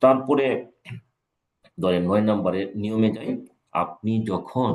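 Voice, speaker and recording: A man's voice: lowish voice, a little slow, a little mellow. A man teaching an English grammar lesson in Bengali, repeating and spelling out examples letter by letter. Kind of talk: live online grammar lesson.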